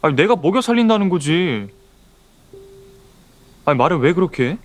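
A man's voice: a little high, very animated, normal speed. An actor playing a young athlete defending himself to his girlfriend in a web drama; he sounds defensive and exasperated. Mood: defensive, pleading. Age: young adult.

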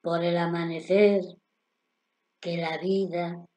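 An older man reciting his own poem in a solemn, dramatic declamation, with deliberate pauses, recorded in a room at home. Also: fairly high pitch, level tone, a little mellow. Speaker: poet reciting own work.

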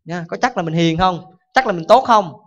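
Monk giving a dharma talk, chatty, keeps asking the crowd questions, muffled lo-fi sound. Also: male voice, high voice, normal speed. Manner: animated storytelling, rhetorical questions to the audience. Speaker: Buddhist monk. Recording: dull lo-fi recording.

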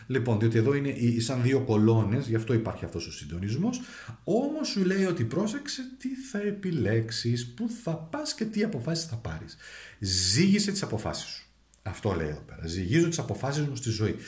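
A man reads tarot cards for his viewers in a relaxed, chatty way, with a lively pitch that swoops up and down. He keeps turning to the audience with coaxing asides. His voice rings in an echoey room. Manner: animated, addresses viewers directly with coaxing asides. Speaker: tarot reader. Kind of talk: casual tarot card reading to viewers.

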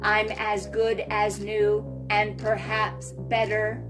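A woman voicing a calm, literal-minded male clockwork man in a storybook reading, speaking matter-of-factly. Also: medium pitch, slow pace, music in the background, natural voice.

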